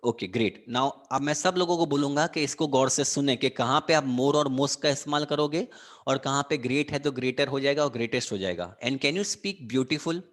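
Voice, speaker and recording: A man's voice: mid-range voice, moderate pace. A man with an Indian English accent giving an online lecture, mixing Hindi and English and drilling students on words. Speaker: English teacher.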